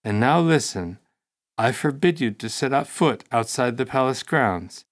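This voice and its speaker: A man reading the lines of an indulgent old king and grandfather in an audiobook, speaking in a measured, dry, kindly way. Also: medium pitch, animated. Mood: stern.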